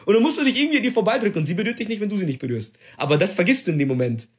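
A young man in casual chat, telling a story with excitement, slang and swearing. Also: high-pitched, rapid-fire.

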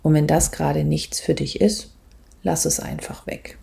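A woman speaks as a spiritual coach and meditation guide, measured and gentle, leaving pauses between phrases, with a husky voice that turns breathy at phrase ends. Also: sits low, fairly even intonation.

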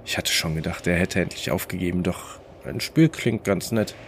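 Deep-voiced man reading a dark story. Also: normal speed, a little hiss or hum. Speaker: narrator. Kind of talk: first-person story reading.

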